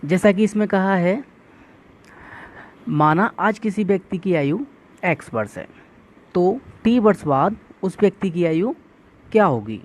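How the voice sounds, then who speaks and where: This male maths teacher runs an exam-prep lesson, addressing viewers as friends while he works through each step and poses questions he then answers himself. His voice is high-pitched and expressive, and he takes his time, leaving long pauses.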